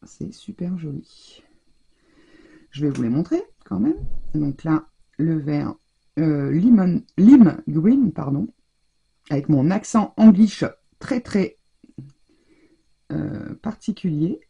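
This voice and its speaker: A craft tutorial host talks directly to her viewers while demonstrating a technique, often restarting sentences or letting them trail off. Her voice is low, gravelly and dark with a breathy edge, moving slowly in a sing-song way with frequent pauses. The audio sounds dull.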